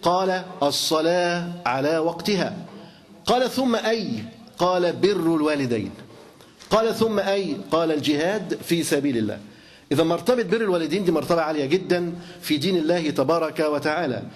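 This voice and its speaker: A man's voice: fairly high pitch, animated, a little fast. A man with an Egyptian accent preaching a sermon, emphatic and repetitive, asking his listeners rhetorical questions. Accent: Egyptian Arabic.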